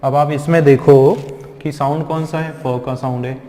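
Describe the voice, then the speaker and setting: A man teaching English pronunciation in a classroom lecture, drilling words slowly and repeating them aloud. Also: a little high, steady tone, a little mellow. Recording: echoey classroom with long reverb.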